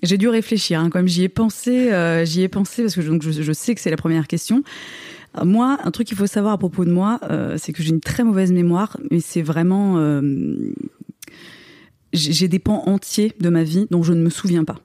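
A woman's voice: fairly low pitch, expressive, moderate pace, dark tone, dry recording, studio quality. A woman in her thirties from eastern France, a podcast guest chatting casually with lots of fillers and laughter. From Moselle, eastern France. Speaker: guest, content creator. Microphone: close podcast microphone.

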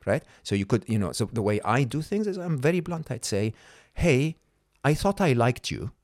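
A middle-aged podcast guest whose first language isn't English gives conversational coaching talk, explaining ideas emphatically and checking in with "okay?" and "hmm?". His mid-range voice is very animated and darkish at a normal speed, in clean studio sound with no room sound.

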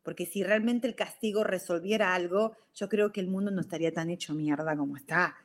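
A middle-aged woman with a Rioplatense Spanish accent talks casually to her live viewers about personal growth. She speaks in loose, chatty runs, breaking off and restarting her thoughts. She keeps checking in with a quick "ok?" after her points. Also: fairly low pitch. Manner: chatty, frequent "ok?" tags. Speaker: live stream host. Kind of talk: casual talk on self-growth.

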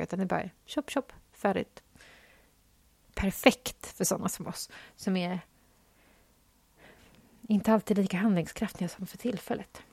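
A woman's voice: medium pitch, gravelly, dark tone, dry recording. A woman hosting her own podcast, rambling chattily and questioning herself as she talks. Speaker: podcast host. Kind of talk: casual solo podcast monologue.

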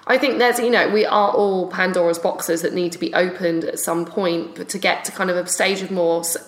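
A woman's voice: on the low side, fairly even intonation, brisk. A woman co-hosting a podcast in casual chat, talking in a rambling way with restarts and "you know". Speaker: podcast co-host. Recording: roomy echo.

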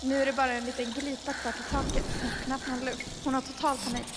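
High-voiced woman telling a spooky tale. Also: little pitch movement, big-room sound, very noisy. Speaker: storyteller. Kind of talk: improvised horror storytelling.

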